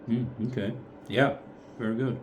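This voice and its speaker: A man's voice: mid-range voice, fairly even intonation, moderate pace, a little hiss or hum. A man leading a casual group Bible study, thinking aloud in a tentative way and often correcting himself.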